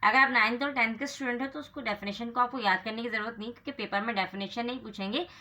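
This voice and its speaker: A woman's voice: on the high side, steady tone, quick pace, pushed and bright. A young woman teaching English grammar in a lecture, asking rhetorical questions and answering them herself, with English terms mixed into her explanations. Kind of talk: classroom lecture.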